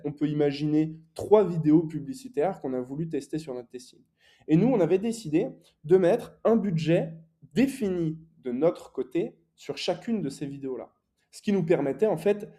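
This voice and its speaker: A man's voice: a little high, mellow. A young man teaching online advertising in a casual, explanatory way, with frequent fillers and self-corrections. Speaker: e-commerce ads coach.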